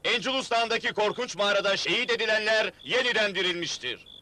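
A man's voice: sits high, lively intonation, fast, pushed and bright, heavily acted. A man playing a town crier in a period drama, proclaiming news to the townsfolk in repeated public calls.

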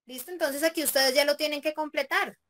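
High-voiced patient woman teacher. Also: a little fast, a bit bright. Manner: patient, checks in often with "¿listo?". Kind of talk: remote class walkthrough.

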